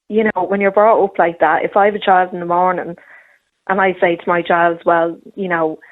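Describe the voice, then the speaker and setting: A woman, calling in to a radio show over a phone line, chatting freely with lots of fillers. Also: fairly low pitch. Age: 20s. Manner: chatty, full of "like" and "you know". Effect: heard over a phone line.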